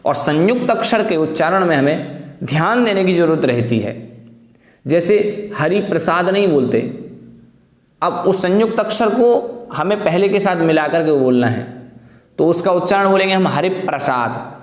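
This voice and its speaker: A man from India teaching a devotional hymn class, explaining pronunciation patiently and chanting the verses slowly. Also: high-pitched, lively intonation. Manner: patient, repeats words slowly for pronunciation drill. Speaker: religious teacher. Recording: roomy echo with long reverb.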